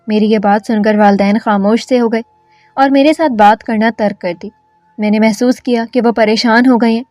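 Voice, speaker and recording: A woman telling an emotional first-person story in a calm, earnest narration. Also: fairly high pitch, no echo, soft background music.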